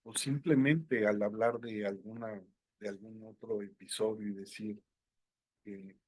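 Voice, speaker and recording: A man teaching an online lecture, thinking aloud and filling pauses with hesitations. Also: on the low side, fairly even intonation, a little mellow, husky, dry recording. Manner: unhurried, thinking aloud with many fillers. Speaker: instructor.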